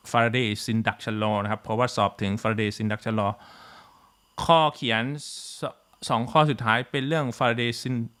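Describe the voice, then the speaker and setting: A man's voice: mid-range voice, pushed and bright, smooth. A man teaching a physics class online, switching between Thai and English, with many "uh" fillers and a habit of checking in with "okay?".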